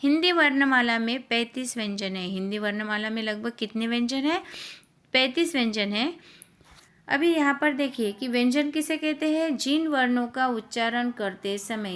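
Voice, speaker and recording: A woman's voice: a little high, moderate pace, fairly bright tone. A woman teacher, giving a grammar lesson and explaining step by step. She asks each point as a question, then answers it herself.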